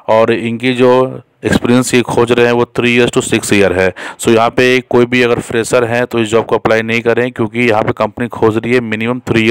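A man's voice: fairly low pitch, clear, resonant tone, no echo. A man hosting a job channel, talking casually in an unscripted voice-over with many fillers and restarts.

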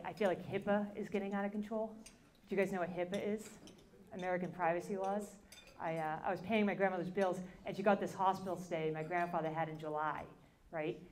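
A woman with a lowish, darkish voice performs a stand-up comedy set on a club stage into a handheld mic. Her humor is dry and self-deprecating, delivered casually with lots of fillers, and live audience laughter is heard.

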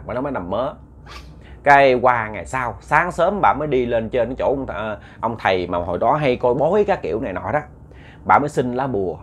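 A man's voice: mid-range voice, breathy edge. A man narrates a ghost story in a loose, conversational way. He stumbles over repeated words and keeps turning to address his listeners directly. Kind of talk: casual spoken storytelling.

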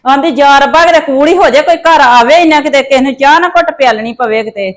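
A woman playing a long-suffering, sharp-tongued older village mother in a family drama, grumbling. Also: sits high, fast talker, close to an everyday voice. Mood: irritated scolding. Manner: complaining, grumbling. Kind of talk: acted family drama dialogue.

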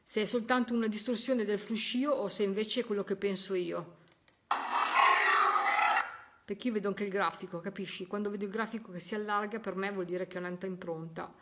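This woman's voice is mid-range, fairly even in intonation and a little fast. She runs a live spiritualist stream, addressing viewers directly, urging them to listen and repeatedly gushing with delight despite sounding physically tired.

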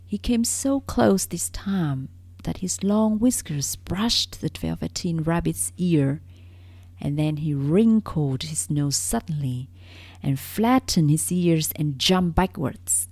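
A woman reads a soothing bedtime story in a soft, half-whispered voice, slow and unhurried. Her low-pitched narration still rises and falls with lively expression. The sound is dry and close. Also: no room sound.

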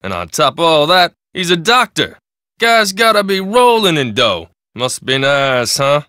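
Heavily acted, this video game character is a talkative, folksy shop owner and friendly hustler with smooth sales patter, in a chatty mood. The actor's high-leaning, sharp voice is very animated yet measured, recorded cleanly in a studio without echo.

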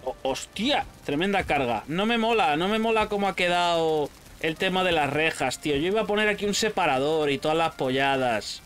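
A man with a Spain Spanish accent giving casual, excitable gameplay commentary, shouting at pets and swearing freely. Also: fairly high pitch, fairly quick, a little hiss or hum. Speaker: gaming channel host.

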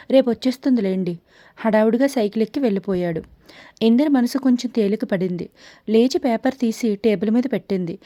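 Mellow-voiced woman narrating a story. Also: on the high side, no echo. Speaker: audiobook narrator. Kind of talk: scripted narration.

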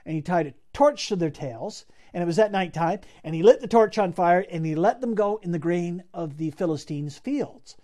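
A man's voice: high-pitched, animated, normal speed, few pauses, dark tone. A man preaching a sermon, retelling a Bible story in a casual, conversational way with asides to the listeners. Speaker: pastor.

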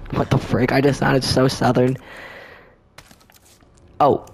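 A man giving casual let's-play commentary, chatty and excitable, often talking straight to the enemies on screen. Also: medium pitch, slow, creaky, breathy edge. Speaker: gameplay commentator.

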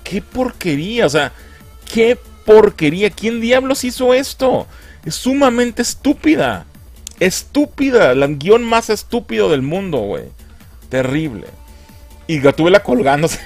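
A Mexican man mocking a film in a comic review, exasperated and crude. His voice sits somewhat high and swings widely in pitch. Faint music plays in the background. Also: sing-song, unhurried, a little mellow. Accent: Mexican Spanish.

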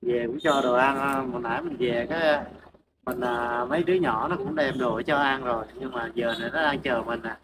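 A farm pet vlogger talks to his dogs outdoors at his farm home, coaxing them with repeated questions before explaining things to viewers in a casual way. His mid-range voice is fairly quick, with background noise, outdoor ambience, and animal sounds behind him.

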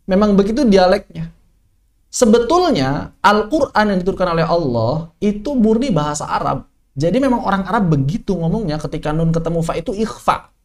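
A man from the Sundanese region of West Java teaching a tajwid lesson in an online class, lively and jokey, asking his students rhetorical questions. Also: high voice, brisk. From Sundanese region of West Java, Indonesia. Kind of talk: online Quran recitation lesson. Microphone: online class microphone.

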